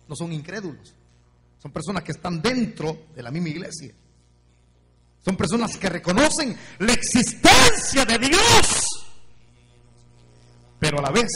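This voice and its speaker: A man preaching an evangelical sermon, passionately alternating quiet asides with shouts and calling listeners brother. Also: high-pitched. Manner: impassioned, swings from quiet asides to shouted exclamations; keeps addressing listeners as "hermano". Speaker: pastor. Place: church or meeting hall. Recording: long hall reverb, faint hum.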